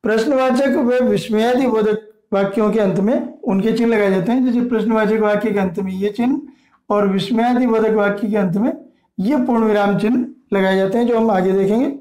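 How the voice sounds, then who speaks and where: High-voiced man teaching in echoey room. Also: fairly even intonation, mellow. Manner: slow, deliberate listing of terms. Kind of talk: explaining a Hindi grammar lesson.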